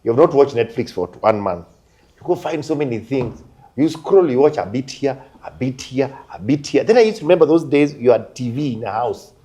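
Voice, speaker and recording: A man's voice: mid-range voice, expressive, fairly quick, dark tone. A man hosting a casual panel chat, telling stories animatedly and laughing often. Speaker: host.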